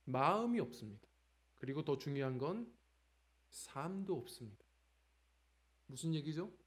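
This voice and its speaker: A man in his forties, pastor of a church, preaching a Sunday sermon with lively, conversational storytelling. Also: a little high. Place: church sanctuary.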